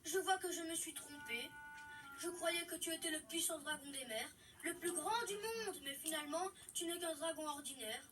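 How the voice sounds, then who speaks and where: A woman's voice: very high voice, moderate pace, fairly bright tone, recorded from a distance, faint music behind. A woman voicing a brave, clever young moose captain in a children's cartoon, polite and coaxing. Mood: coaxing, sly. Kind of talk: French-language children's cartoon dubbing.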